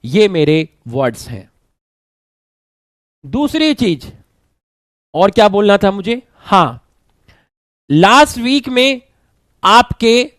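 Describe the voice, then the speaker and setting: A man with a sore throat giving a brisk online revision lecture, urging his students to hurry along. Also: high-pitched, dry recording. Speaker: online teacher.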